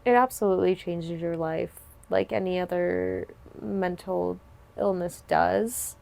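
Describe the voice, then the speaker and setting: A woman hosting a casual podcast interview, her voice sitting low with a gravelly edge. She speaks earnestly and supportively, stringing thoughts into long, winding sentences. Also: unhurried, darkish tone. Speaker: podcast host.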